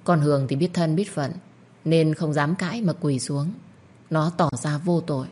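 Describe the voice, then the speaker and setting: A woman storyteller with a low, husky voice narrates a dramatic tale. Her delivery is steady and measured, carrying the story along.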